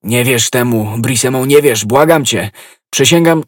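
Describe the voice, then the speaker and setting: A man's voice: lowish voice, expressive, measured pace, slightly rough, no echo, studio quality. A man reading an audiobook, voicing an eager young swordsman who speaks urgently and earnestly, raised above his narrating voice.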